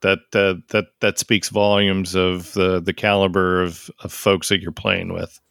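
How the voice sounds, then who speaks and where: Lowish-voiced man hosting a casual podcast. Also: little pitch movement, measured pace, creaky, fairly bright tone, clear, resonant tone, dry recording, studio quality. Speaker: podcast host. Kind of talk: casual interview chat.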